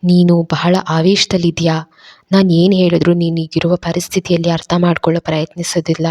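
A remorseful young lover speaks in a low, hushed, pleading voice, as a woman reader puts him on. The sound is dry and close. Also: little pitch movement, a little fast, dry recording, lightly acted. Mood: tender. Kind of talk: dramatized story reading.

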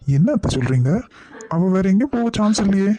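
A man's voice: sits high, animated, a little fast, warm tone, slight background noise. A man voicing a young, helpful nephew who asks concerned questions and then reassures. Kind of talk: cartoon voice acting.

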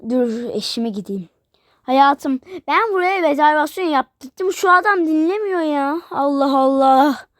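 A woman's voice: high-pitched, expressive, a little slow, no room sound, studio quality. A woman voicing a tired, impatient businessman hotel guest in a playful toy role-play, repeating himself insistently. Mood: exasperated.

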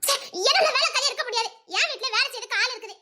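Woman playing a spoiled rich young woman, petulant, indignant, shrill high voice. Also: very fast, sharp tone, full character voice.

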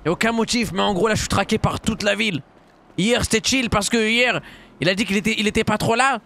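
A man's voice: sits high, a little fast, vocal fry, bright, forceful tone. A young man, talking in suburban street slang while improvising roleplay on a live gaming stream. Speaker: streamer playing GTA roleplay. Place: indoor streaming room. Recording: game car engine noise behind voice.

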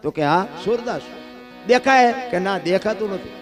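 A man giving a devotional folk discourse, throwing out rhetorical questions and swinging between loud and hushed delivery. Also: high-pitched, expressive, normal speed, over music. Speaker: folk storyteller.

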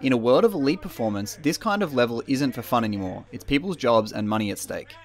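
A man delivers scripted commentary at a fast clip. His pitch sits in the middle range, and he presents his views as a video narrator. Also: expressive. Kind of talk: scripted narration giving opinion.

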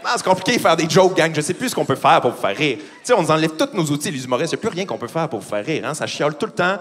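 Fast, brash Québécois comedian. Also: male voice, on the high side, sing-song, fairly bright tone, slight background noise. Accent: Québécois French. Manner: brash, profane, teasing the audience. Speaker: stand-up comedian. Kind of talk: stand-up comedy routine. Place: large theatre stage before a live audience.

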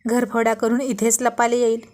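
A woman voicing a panicky, quick-tempered young wife who scolds and pleads with her husband. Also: a little high, completely flat delivery, darkish tone, natural voice. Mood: flustered scolding.

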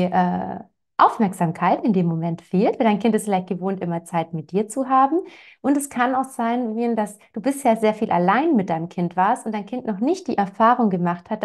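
A woman's voice: mid-range voice, a little mellow. A woman working as a parenting coach, answering parents' questions in a direct, reassuring way and speaking to them by name.

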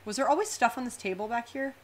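A woman hosting a casual game playthrough with friends, chatting in quick bursts. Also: a little high, a crowd in the background. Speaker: host playing a video game with friends. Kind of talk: casual gameplay chat.

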